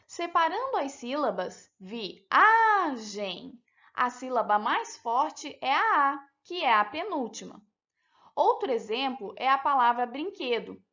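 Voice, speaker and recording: Speaking in a high voice with a sharp tone, a female teacher walks children through a lesson. Her Brazilian Portuguese accent comes through as she enunciates slowly, clearly and with deliberate care, captured on dull lo-fi audio.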